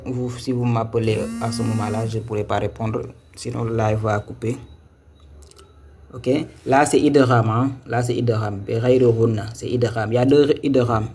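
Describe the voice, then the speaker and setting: A man's voice: mid-range voice, background noise. Patient man teaching syllable by syllable. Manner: patient, repetitive, spells out syllables slowly. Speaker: Quran reading teacher. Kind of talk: live online lesson.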